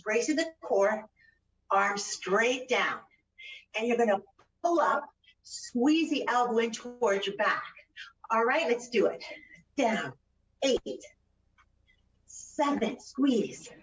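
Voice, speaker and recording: A woman leading a home workout as a fitness instructor, counting out repetitions and giving short, encouraging, energetic cues. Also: fairly high pitch, a little hiss or hum. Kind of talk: exercise class instruction with counting aloud. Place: indoors at home, room with a couch. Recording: roomy, distant, dull home-video sound.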